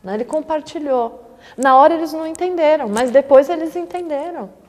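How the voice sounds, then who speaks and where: A woman's voice: high-pitched, a little fast, in a large hall. A woman, a Buddhist teacher giving a conversational dharma talk, often tagging her sentences with little questions to the listeners. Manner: conversational, frequent tag questions, acts out quoted voices.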